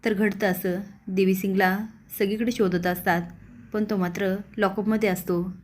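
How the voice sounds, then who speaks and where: A woman's voice: mid-range voice, flat delivery, moderate pace, slight background noise. A woman narrating a recap of a television serial episode, reading the characters' lines with slightly raised force.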